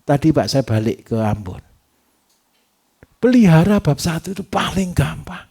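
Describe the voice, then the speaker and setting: A man giving a livestock farming workshop, lively and teasing, who keeps asking his audience rhetorical questions. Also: a little high, unhurried, slightly rough. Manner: animated, repetitive, teasing.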